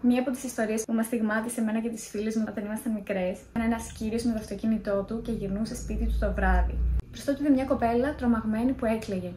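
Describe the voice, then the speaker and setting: A woman's voice: a little high, fairly even intonation, dark tone, echoey room, slight background noise. A young woman in a casual vlog, chatty and self-mocking as she tells scary stories. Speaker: vlogger.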